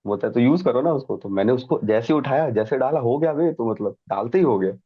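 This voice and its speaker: A man's voice: medium pitch, lively intonation, quick pace, slightly rough, no room sound, phone-quality sound. A man telling stories as an interview guest, laughing often and mixing in English phrases. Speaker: guest, defence exam candidate. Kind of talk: casual storytelling chat.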